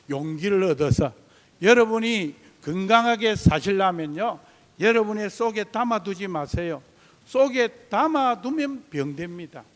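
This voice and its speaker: A pastor with a Gyeongsang Korean accent, preaching a lively Sunday sermon in a church sanctuary and putting questions to the congregation. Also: male voice, sits high. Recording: long church hall reverb.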